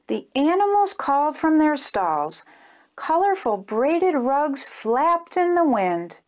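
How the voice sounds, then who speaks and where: A woman reads a children's storybook aloud in a fairly high, very melodic voice. She goes slowly and expressively, like a storytime host, using simple phrasing for young listeners.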